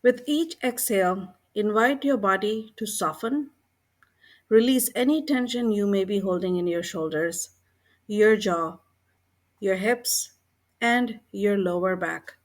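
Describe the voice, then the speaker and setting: In this scripted guided meditation, a woman's mid-range voice moves slowly through brief phrases, leaving gaps between each one. Her manner stays soft and calm throughout.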